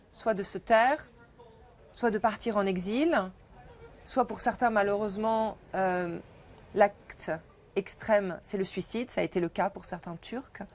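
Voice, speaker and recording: A woman's voice: medium pitch, a little mellow. Reflective middle-aged woman author. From France. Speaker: author and journalist. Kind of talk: talk about her book. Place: bookshop event.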